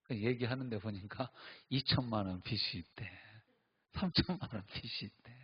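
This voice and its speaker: A man's voice: mid-range voice, normal speed, husky, dull audio. A middle-aged male pastor preaching at a Friday night service, telling stories with acted-out voices. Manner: animated storytelling, acts out quoted voices and laughs.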